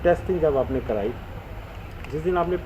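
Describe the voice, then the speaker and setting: A man's voice: on the high side, expressive, normal speed, a little mellow, highs cut off, slight background noise. A man with a Jammu Hindi accent interviewing a guest, probing with questions and slipping into English phrases. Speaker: news interviewer.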